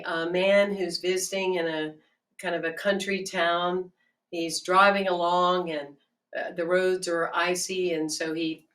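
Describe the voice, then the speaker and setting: A woman minister giving a sermon in a gentle, measured, halting way. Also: fairly low pitch. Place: church sanctuary. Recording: distant mic with faint music.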